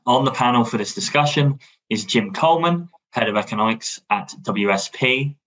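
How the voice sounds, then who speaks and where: A man's voice: mid-range voice, lively intonation, normal speed, fairly bright tone, poor audio. A man chairing an online panel, introducing the speakers formally with frequent fillers. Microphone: video call.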